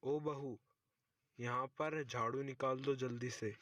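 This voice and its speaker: A man's voice: medium pitch, steady tone, takes it slowly, a bit bright, dry recording. A man voicing a nagging, scheming old mother-in-law in a cartoon story, complaining and playing the victim. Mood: bossy.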